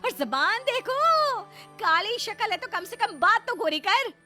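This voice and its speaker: Woman putting on a snooty young wife, high and shrill, sneers a lot, soft music under it. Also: big pitch swings, a little slow, heavily acted. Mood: sneering. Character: haughty, mocking young wife, vain about her looks.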